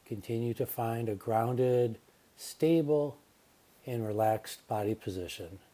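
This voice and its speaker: A male yoga nidra instructor talks listeners through relaxation using a mid-range voice. His speech is soft and calm, broken by unhurried pauses.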